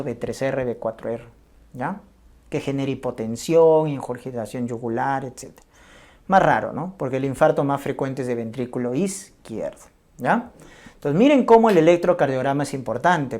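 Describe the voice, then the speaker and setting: A woman's voice: a bass voice, mellow. A woman giving a medical lecture, teaching step by step and repeating key points with frequent check-ins to her students. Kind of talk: medical lecture on ECG and cardiac markers.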